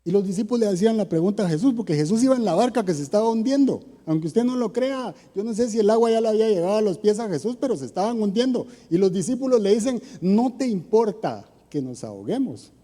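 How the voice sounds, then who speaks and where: Preaching a sermon in a chatty way full of rhetorical questions, a man with a Costa Rican accent talks fast and expressively with hardly any pauses. His voice is a little high yet dark and mellow, and a long church reverb trails each phrase.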